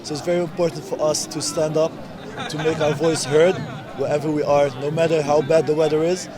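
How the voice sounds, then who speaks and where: Guy in his 20s from the netherlands talking outside at a protest, earnest and insistent, loud crowd behind. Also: a little high, flat delivery, fairly quick. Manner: earnest, emphatic, speaks in short insistent phrases. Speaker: protester interviewed at a rally. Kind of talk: street interview. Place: outdoor street protest in a city. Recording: outdoor street recording with loud crowd.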